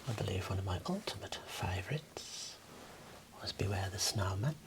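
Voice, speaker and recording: A man speaking in a soft, breathy whisper, giving an unhurried ASMR tour of his book collection. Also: deep voice, expressive, background noise. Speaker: host showing own book collection.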